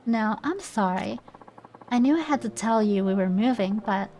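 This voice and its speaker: A woman voicing a sad young girl who is moving away, read quietly and haltingly. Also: medium pitch, animated, slight background noise, close to an everyday voice.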